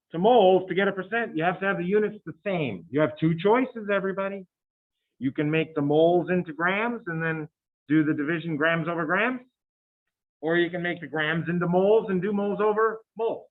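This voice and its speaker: A man teaching a chemistry class, working problems aloud and quizzing his students in a chatty, thinking-aloud way. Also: on the high side. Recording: tinny phone-like classroom recording.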